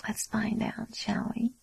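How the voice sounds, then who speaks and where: Young woman whispering real slow, super breathy, bit of vocal fry. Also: mid-range voice, level tone, a little mellow, dry recording. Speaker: audio creator. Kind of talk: intimate whispered audio.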